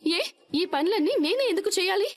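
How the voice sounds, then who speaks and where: An actress playing a wronged, defiant young daughter-in-law in a TV serial, speaking with indignation. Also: female voice, very high-pitched, animated, fairly quick. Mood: indignant. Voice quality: indignant, pleading. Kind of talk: TV serial acting.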